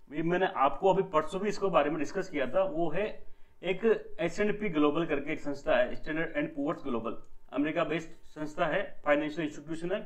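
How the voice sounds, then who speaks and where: A man's voice: fairly high pitch, muffled recording. A young man hosting a daily economics news lesson, addressing viewers as friends and repeating key points with rhetorical questions. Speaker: economics teacher and channel host.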